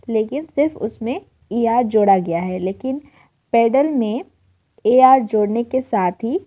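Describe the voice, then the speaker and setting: A woman's voice: on the high side, lo-fi sound. A woman teacher explaining a lesson step by step, listing examples one after another. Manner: methodical, lists examples one by one. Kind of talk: explanatory lesson in Hindi-English mix.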